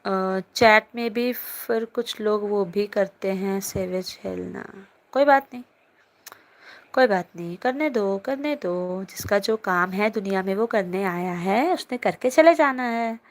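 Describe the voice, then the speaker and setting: A young woman teacher runs a live online class from her phone, speaking slowly with few pauses in a medium-pitched voice. She reads her students' chat comments aloud and answers them in a chatty, teasing way.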